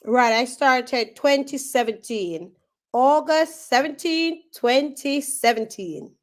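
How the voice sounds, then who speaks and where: A woman with a Jamaican accent, a third grade teacher chatting as a guest in a relaxed way, often tagging her sentences with "right?". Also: high-pitched, takes it slowly. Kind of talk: casual interview.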